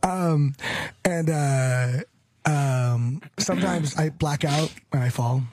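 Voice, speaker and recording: A man's voice: fairly high pitch, slow, a little mellow, dry recording. A man in his thirties from Hollywood, California, chatting as a radio show guest, rambling and repeating phrases with frequent chuckles. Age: 30s. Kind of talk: casual radio chat.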